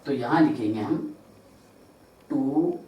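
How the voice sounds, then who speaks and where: A man's voice: medium pitch, highs cut off. Echoey distant male chemistry teacher. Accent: Indian Hindi. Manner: asks rhetorical questions and answers them himself; spells out formulas slowly, counting carbons aloud. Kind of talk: classroom lecture. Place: large classroom. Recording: echoey room, distant mic, faint noise.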